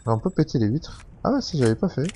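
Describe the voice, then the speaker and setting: Man, let's play commentator, chatty and profane, very lively pitch. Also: fast talker, slight background noise. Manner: chatty, laughing, swears freely. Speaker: gamer.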